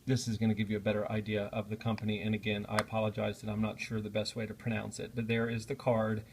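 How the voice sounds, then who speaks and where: A man's voice: fairly low pitch, completely flat delivery, fast talker, creaky, background noise. Chatty man doing a casual unboxing. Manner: chatty and apologetic, with frequent "uh" fillers. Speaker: product reviewer.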